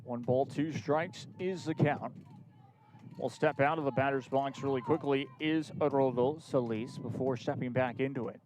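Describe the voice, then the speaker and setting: A man's voice: mid-range voice, moderate pace, background noise. A man calling live baseball play-by-play outdoors at the game, in short clipped phrases, often repeating the count. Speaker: play-by-play commentator.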